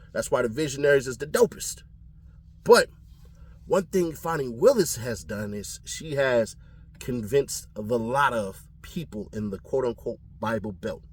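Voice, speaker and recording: A man from California giving casual commentary on his channel, animated and slangy, often laughing. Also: fairly high pitch, slightly rough. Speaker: commentary vlogger.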